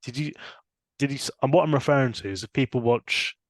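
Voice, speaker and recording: A young man talks casually on a podcast at a middle pitch, his voice jumping up when he gets excited and breaking into laughs. The sound is dry and close to the mic, with no room echo. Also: brisk. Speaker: podcast co-host. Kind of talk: casual chat.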